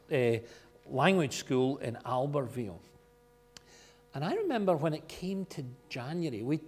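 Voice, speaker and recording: A Scottish man giving an informal sermon as a guest speaker, loud, chatty and self-deprecating as he tells stories from his own life. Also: a little high. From Scotland. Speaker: guest speaker at a church gathering.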